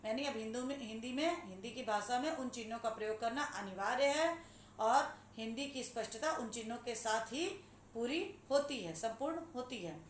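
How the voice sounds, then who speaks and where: A woman teaching a grammar lesson, reading examples aloud slowly and then explaining them, often asking if students follow. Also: fairly high pitch, expressive. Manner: patient, checks understanding with questions. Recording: echoey room with faint hum.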